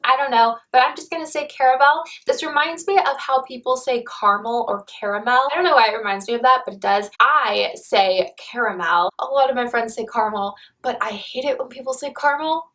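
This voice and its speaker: Young female book vlogger, excitable chatter, slightly high voice, mic a little distant. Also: brisk, hardly any pauses. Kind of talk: casual vlog chat.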